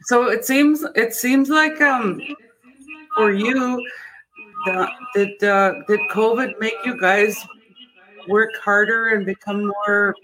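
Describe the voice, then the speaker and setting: A woman with a Cree accent hosting a casual livestream interview, speaking haltingly and often repeating words. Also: a little high, a bit bright, soft background music, low-quality recording. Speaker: show host.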